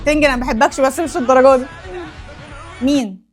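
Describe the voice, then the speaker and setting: A woman's voice: high voice, fairly even intonation, quick pace, a faint crowd. A young woman with an Egyptian Arabic accent, giving a reaction commentary as an anime YouTuber, exclaiming, teasing and laughing often.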